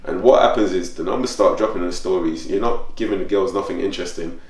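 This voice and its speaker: Low-pitched and quick, a male podcast host rattles off stories in relaxed, slangy conversation, with his voice shooting up as he gets fired up. The distant microphone leaves the audio roomy and slightly off the mic.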